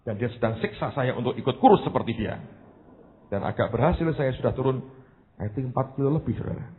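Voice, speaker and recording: A man in his forties preaching a sermon as a pastor, animated and conversational, dropping English phrases in, swinging between loud emphasis and soft asides. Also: medium pitch, fast. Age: 40s. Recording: tinny phone-like sound with faint noise.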